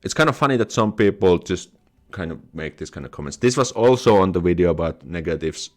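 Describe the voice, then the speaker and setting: This YouTube host is a young Finn whose Finnish accent comes through as he chats on a live stream, reading comments, laughing things off and restarting words often. His low voice is expressive and fairly quick.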